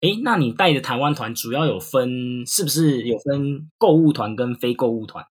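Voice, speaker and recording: Guy hosting a podcast interview, medium pitch, kinda husky, conversational questions. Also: expressive, moderate pace.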